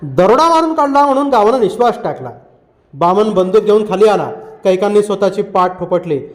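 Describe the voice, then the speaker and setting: Man, audiobook narrator, dramatic novel reading, high voice, steady delivery. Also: brisk. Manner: steady, dramatic storytelling, dropping lower for narration.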